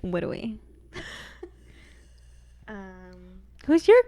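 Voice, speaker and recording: A young woman co-hosts a casual podcast, taking her time as she tells stories. Her delivery is drawn-out and relaxed, full of slang and little laughs. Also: medium pitch, crowd noise. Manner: slow, giggly storytelling with slang. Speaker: podcast co-host. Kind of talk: casual chat.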